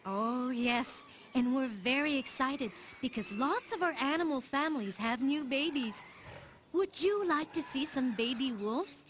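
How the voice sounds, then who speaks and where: A woman's voice: high-pitched, animated, unhurried, noisy background. A woman voicing a friendly young zookeeper in a cartoon who welcomes a child and explains the animals. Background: music.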